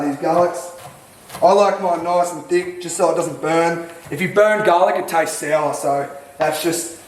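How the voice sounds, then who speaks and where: A cocky Australian man runs a mock cooking show in his home kitchen, lecturing the viewer and swearing freely. His voice sits a little high for a man. The kitchen sounds roomy and echoey. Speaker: home cook vlogger.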